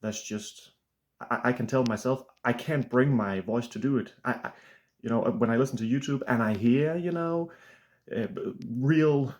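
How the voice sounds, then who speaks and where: A man with a Danish accent, an author talking casually to camera in a halting way, with many restarts and a flat, throaty delivery. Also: mid-range voice. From Denmark. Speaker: author and channel host. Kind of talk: casual unscripted monologue.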